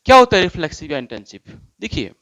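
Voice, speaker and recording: Lively high-voiced teacher. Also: male voice, lo-fi sound. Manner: slow, deliberate reading of English example sentences; asks and answers his own questions. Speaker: English teacher. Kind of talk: grammar lesson in Hindi with English examples.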